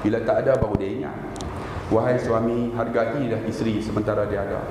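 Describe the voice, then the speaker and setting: Joking preacher in an echoey hall. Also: male voice, fairly low pitch, fast, background noise. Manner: animated, joking storyteller. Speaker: religious preacher. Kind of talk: comic sermon. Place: surau prayer hall.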